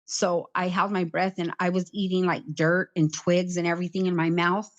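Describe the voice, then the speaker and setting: A middle-aged woman recounting her past in an interview, in a plain, halting way with many "like" fillers. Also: fairly low pitch, flat delivery, lo-fi sound. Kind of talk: personal account in conversation.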